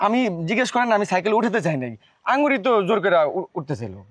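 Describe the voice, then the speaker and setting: A jittery rapid-talking young tutor. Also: male voice, high voice, very animated, background noise. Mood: defensive. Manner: pleading, quick excuses.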